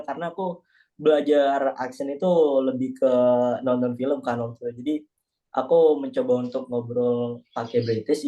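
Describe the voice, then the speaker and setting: Over a video call, a young man with an Indonesian accent and a mid-range, dark-toned voice chats casually in an online class discussion. As a class participant, he jokes around and pokes fun at himself.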